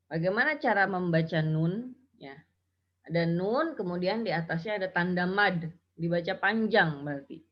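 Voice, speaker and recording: A woman's voice: fairly low pitch, lively intonation, normal speed. A woman teaching Quran recitation rules, explaining patiently and chanting example syllables. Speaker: tajwid teacher. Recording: dull lo-fi audio.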